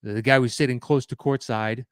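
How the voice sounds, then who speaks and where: A man's voice: mid-range voice, steady tone, brisk, smooth, dry recording, clean studio sound. A man hosting a podcast, giving opinionated solo commentary in a conversational way with fillers and restarts. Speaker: podcast host.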